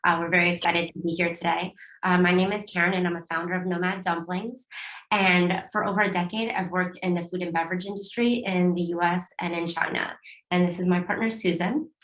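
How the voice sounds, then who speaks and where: A woman founder speaking in a slightly low voice. Her manner is earnest and grateful. The sound is roomy and echoey. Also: fairly even intonation, fairly quick, a bit bright. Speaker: dumpling company founder. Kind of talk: panel interview answer. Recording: echoey room.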